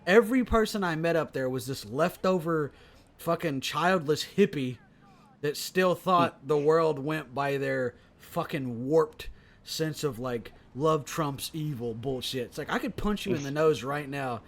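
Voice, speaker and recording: A man's voice: fairly high pitch, a little slow. A man hosting a casual comedy podcast, talking in rambling, profane tangents. He is also an impressionist.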